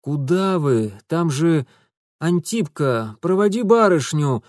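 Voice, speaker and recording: A reader doing an exhausted, hoarse young man. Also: fairly high pitch, animated, takes it slowly, darkish tone, no echo, studio quality. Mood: weary.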